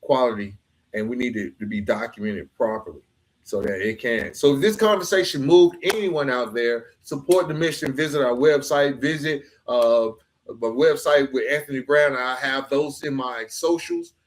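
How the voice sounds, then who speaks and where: Hosting a casual podcast, this man talks at a normal speed in a medium-pitched voice. He's informal and earnest, dropping "man" and "bro" as he addresses his guest and listeners.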